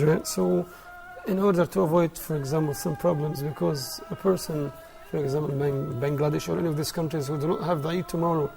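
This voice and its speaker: A man's voice: a little high, vocal fry. A man answering viewers' questions as a scholar in a live studio discussion, explaining in a conversational way.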